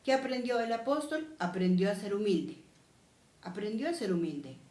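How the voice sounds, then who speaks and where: A woman's voice: mid-range voice, animated, normal speed, mellow, echoey room. A woman preaching a sermon, repeating her key phrases with emphasis. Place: church.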